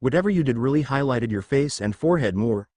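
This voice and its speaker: A man's voice: medium pitch, expressive, fast talker, warm tone, no room sound, natural voice. A man voicing a frank, caring teenage boy ninja in a spoken storybook, talking in a dry tone. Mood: earnest.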